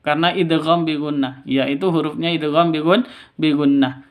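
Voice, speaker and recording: A man's voice: on the high side, steady tone, moderate pace. A man teaching Quran reading rules step by step, patient, repeating each rule twice. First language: Indonesian. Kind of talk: step-by-step recitation lesson.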